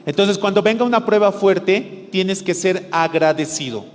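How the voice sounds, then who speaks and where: Bolivian pastor guy preaching, higher voice, asks the crowd then answers it, hall echo, soft music behind. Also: normal speed. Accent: Bolivian Spanish. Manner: questions the congregation and answers himself. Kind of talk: sermon. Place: church hall. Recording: echoey church hall with music.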